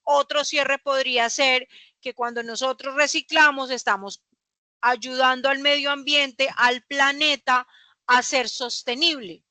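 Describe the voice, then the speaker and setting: A woman's voice: high voice, steady tone, measured pace, bright, forceful tone, dry recording. A young woman, teaching a class and explaining patiently with rhetorical questions. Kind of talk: classroom lecture.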